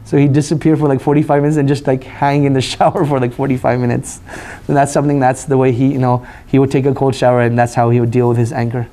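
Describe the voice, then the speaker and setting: Imam, hoarse voice, even and dark, chatty religious lecture with q&a. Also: male voice, mid-range voice, quick pace, hardly any pauses. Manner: relaxed, conversational, frequent "you know". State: hoarse, voice recovering. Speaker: imam teaching a study circle.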